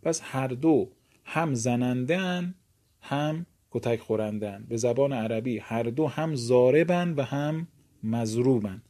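Man teaching Arabic grammar, mellow voice. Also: mid-range voice. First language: Persian. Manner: recites conjugations slowly, then explains in casual spoken Persian. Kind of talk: recorded lesson.

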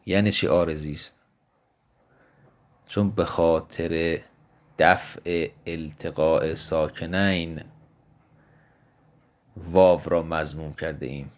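Male grammar teacher, very low voice, patient and methodical, poses questions then answers them. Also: steady tone, darkish tone. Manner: patient, explanatory, asks and answers his own questions; slows down to spell out example words. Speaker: teacher of Arabic morphology. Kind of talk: recorded grammar lesson.

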